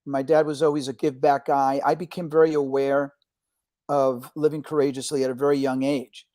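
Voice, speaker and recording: A man's voice: medium pitch, little pitch movement, moderate pace, mellow, no echo, studio quality. A middle-aged man from Argentina, a film director talking energetically as an interview guest, often restarting his words. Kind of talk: casual interview talk.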